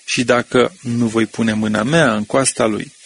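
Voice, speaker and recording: A man with a husky, slightly breathy voice reads scripture aloud. His delivery is steady and measured, with slow pauses between phrases. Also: medium pitch. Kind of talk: scripture reading.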